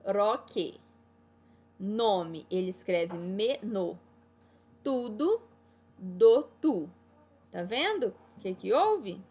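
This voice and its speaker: A woman's voice: medium pitch, animated, extremely slow, slight background noise. A woman teaching an online class to children, walking them through exercises patiently and checking in often. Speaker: primary school teacher.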